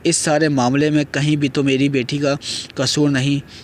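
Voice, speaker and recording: A man's voice: on the high side, flat delivery, slight background noise, natural voice. A man voicing a tearful, remorseful middle-aged aunt in an audio novel, speaking in a pleading, apologetic way.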